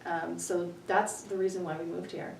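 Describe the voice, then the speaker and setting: A woman's voice: fairly low pitch, little pitch movement, creaky, a little mellow. Earnest woman from New Hampshire, roomy. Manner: earnest, measured, with many ums. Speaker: town budget committee candidate. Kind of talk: local candidate interview. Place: town library room. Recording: echoey room, far from mic, faint hum.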